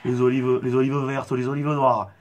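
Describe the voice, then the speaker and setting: Casting: young guy, southern French accent, clowning comic vlogger, mid-pitched, rambling absurd bits. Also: level tone, normal speed, a little mellow, a little hiss or hum. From south of France. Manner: rambling, playful clowning with mock-serious tangents. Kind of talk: absurd improvised comedy monologue.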